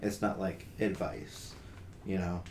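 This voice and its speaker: Young guy on a podcast, kinda low voice, lots of ums and restarts, echoey room w faint hiss. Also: little pitch movement, slow pace, a little mellow. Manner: hesitant, many fillers and restarts, earnest. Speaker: podcast co-host. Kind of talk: casual discussion. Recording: roomy with faint noise.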